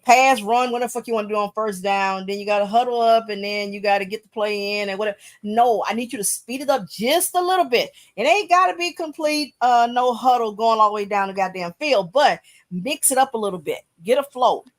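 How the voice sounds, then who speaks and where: A woman's voice: a little high, fairly quick. A woman with a Texan accent co-hosting a sports podcast, talking bluntly with plenty of profanity. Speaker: podcast co-host. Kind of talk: casual sports talk.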